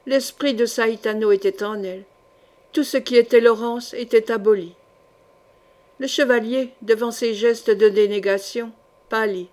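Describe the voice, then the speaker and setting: Une femme narrant avec expression et mesure un roman historique en livre audio. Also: female voice, a little high, steady tone, unhurried, darkish tone. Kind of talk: scripted narration of a historical novel.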